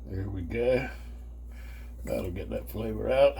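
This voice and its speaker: Male home-cooking host, folksy and colloquial, slow delivery with some fry, casual demo style. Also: on the low side, animated, mellow. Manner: folksy, colloquial, with y'all and homespun phrases. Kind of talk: casual hands-on cooking demonstration chat. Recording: faint background noise and hum.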